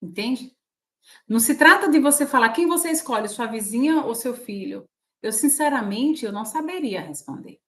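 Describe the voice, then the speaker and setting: A woman with a Brazilian Portuguese accent hosting a casual spiritual livestream from home, chatty and often checking with her audience. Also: on the high side.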